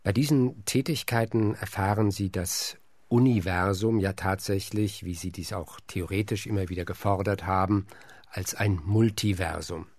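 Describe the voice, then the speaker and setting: A man hosting a formal interview, introducing his guest and posing elaborate questions. His voice sits low. The recording is dry and close. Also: fairly even intonation, normal speed, darkish tone, no room sound. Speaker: interviewer, host.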